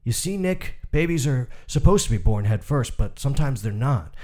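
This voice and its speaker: A man reading aloud, playing a calm, matter-of-fact doctor and father who explains things patiently. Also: mid-range voice, normal speed, pitched above the performer's own voice, close to an everyday voice.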